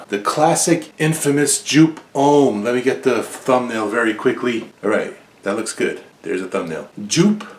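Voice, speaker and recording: A man's voice: mid-range voice, echoey room, recorded from a distance. A man hosting a casual review vlog, talking in a conversational, opinionated way and repeating points for emphasis. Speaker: fragrance reviewer. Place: home in New Jersey.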